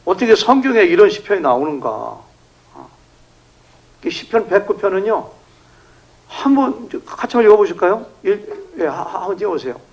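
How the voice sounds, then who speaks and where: A man's voice: sits high, normal speed, pauses often, low-quality recording. A male pastor preaching an emphatic revival sermon in a church, leading the congregation in reading. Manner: emphatic, animated, acting out shouted prayers. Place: church sanctuary.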